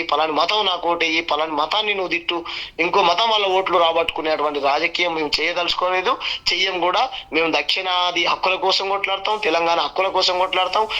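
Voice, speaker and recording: A man's voice: high-pitched, bright, forceful tone, rough recording. A man with a Telangana Telugu accent giving an emphatic political campaign speech in an interview, building points through repeated lists. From village in Telangana, India. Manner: emphatic, repetitive, list-building oratory. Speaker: election candidate giving an interview.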